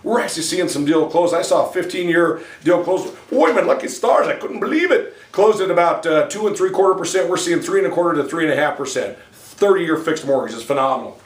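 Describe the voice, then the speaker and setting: Man giving a market update, quick and upbeat, slightly high voice, roomy echo, mic a bit far off. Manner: folksy and emphatic, joking between figures; walks through slides and addresses buyers directly. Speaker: title company president giving a market update. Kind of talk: monthly real estate stats presentation. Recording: echoey room, mic at a distance.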